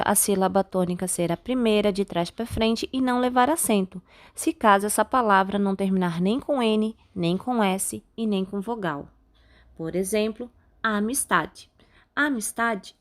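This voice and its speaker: A woman teacher with a Brazilian Portuguese accent, patiently explaining a grammar lesson step by step and slowing down on key words. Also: medium pitch. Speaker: Spanish teacher. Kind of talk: recorded online class.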